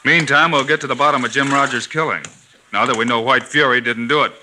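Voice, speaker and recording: A man's voice: mid-range voice, fast, close to an everyday voice. A man acting a bold old-time Western hero, noisy recording. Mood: calm, confident. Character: calm, steady, confident male Western hero lawman. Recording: noisy 1950s radio recording.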